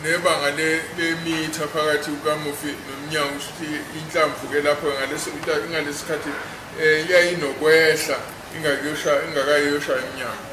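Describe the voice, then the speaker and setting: South african guy interpreting a cross examination, higher voice, halting, roomy echo. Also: little pitch movement. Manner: halting, repeats word beginnings. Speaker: court interpreter. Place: courtroom. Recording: echoey, noisy courtroom recording.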